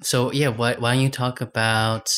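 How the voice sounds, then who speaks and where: Man, podcast host, mid-pitched voice, dry close sound, informal questions. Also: flat delivery, moderate pace, fairly bright tone, dry recording. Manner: informal, asks questions with hesitations. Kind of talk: podcast intro and interview.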